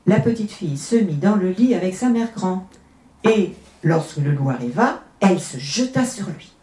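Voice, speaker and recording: A woman reading a literary tale aloud in a measured, hushed way, then commenting on it. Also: fairly low pitch, lively intonation. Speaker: reader. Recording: echoey room.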